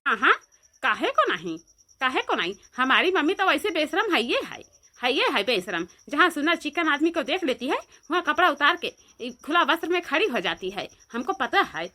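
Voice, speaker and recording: Brief: woman as a scolding young Awadhi cartoon wife, sharp and high. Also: sing-song, normal speed, exaggerated voice. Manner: scolding, threatening. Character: fierce young wife guarding her husband.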